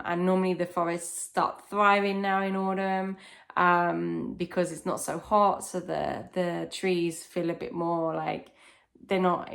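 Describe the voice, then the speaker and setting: A woman's voice: medium pitch, creaky, a bit bright. A young woman chatting casually and enthusiastically as she recommends children's books, explaining things in simple, rambling phrases. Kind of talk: casual chat, book recommendations.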